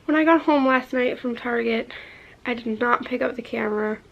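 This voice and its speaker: A young woman casually vlogs to her camera, first from a car and then at home, rambling with plenty of fillers like "like" and "I don't know." Her voice is a little high with vocal fry, she speaks at a moderate pace, and a sinus infection leaves her sounding congested. The audio is dull.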